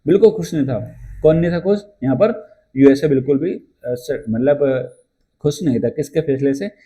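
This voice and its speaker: This time the teacher's voice is medium-pitched and mellow. Lecturing for an exam in a conversational, story-driven way, he asks his students questions that he then answers, and slowly reads English lines from the textbook.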